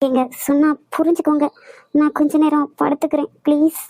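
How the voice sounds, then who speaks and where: A woman voicing a fearful, secretive young wife in a cartoon drama, soft-spoken, pleading and evasive. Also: high-pitched, level tone, a little fast, dry recording. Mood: anxious.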